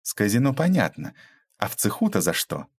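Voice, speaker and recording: A man's voice: fairly low pitch, wildly swooping pitch, brisk, slightly rough, exaggerated voice. A man reading an audiobook aloud, voicing a tough, ironic young woman detective who mocks and lectures. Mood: mocking. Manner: mocking, cold, lecturing.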